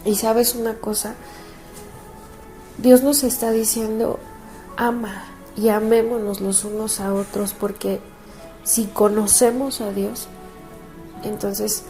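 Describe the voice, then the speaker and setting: A woman pastor giving a devotional sermon, telling a personal story with soft laughs and frequent restarts. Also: medium pitch. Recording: faint background music.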